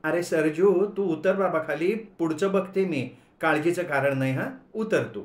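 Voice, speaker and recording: Gentle, coy young woman in her twenties, voiced by a male storyteller; lifted, soft delivery. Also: on the high side, unhurried, close to an everyday voice. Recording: echoey room.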